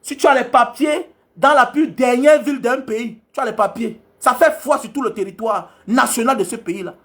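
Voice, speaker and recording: A man's voice: extremely high pitch, normal speed, a bit bright. A man from Cameroon, a travel vlogger scolding his viewers in an angry, repetitive rant. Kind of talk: ranting monologue to viewers.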